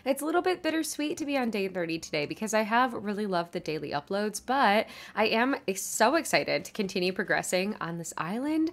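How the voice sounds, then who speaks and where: A woman's voice: mid-range voice, sing-song, fairly quick, hardly any pauses. A young woman gushing in casual gameplay commentary, with a sleepy morning voice. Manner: bubbly, gushing, chatty. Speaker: gaming YouTuber.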